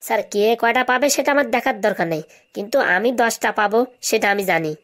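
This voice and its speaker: The voice here is mid-range, animated and fairly bright, delivered fast with a light touch of acting. It belongs to a performer playing a glib, brazen schoolboy with buck teeth in a comedy cartoon, full of cheeky confidence and absurdly confident comebacks.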